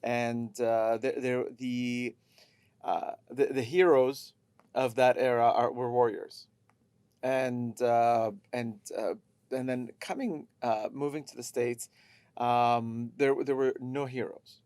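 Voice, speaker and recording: A middle-aged man from Lebanon co-hosting a coaching podcast, speaking reflectively and halting often as he searches for words. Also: medium pitch, level tone, a little mellow, smooth, no echo. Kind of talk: casual conversational podcast.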